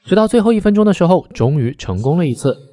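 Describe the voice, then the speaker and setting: Brisk lively male recap narrator. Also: high voice, dry recording, studio quality. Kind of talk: scripted voice-over recap.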